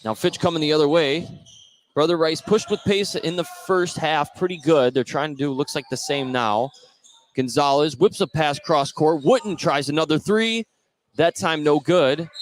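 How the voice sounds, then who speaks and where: This play-by-play announcer, a man with a slightly high voice at a normal pace, delivers live commentary on a basketball game. Gym sounds from the game fill the background.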